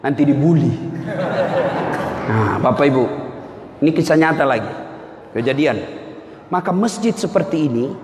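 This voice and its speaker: A man preaching a humorous sermon in a mosque, telling stories with animated delivery and shouting the punchlines. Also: fairly high pitch, normal speed, long pauses, background noise. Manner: animated storytelling, shouts punchlines, calls out to the crowd. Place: large mosque hall. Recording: echoey hall with faint ambience.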